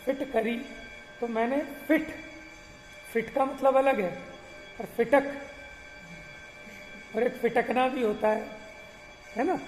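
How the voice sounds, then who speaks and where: A man teaching a religious class, explaining patiently, asking rhetorical questions and chanting verses slowly. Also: very high voice, steady tone, darkish tone, roomy sound, big-room sound, soft background music. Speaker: scripture teacher.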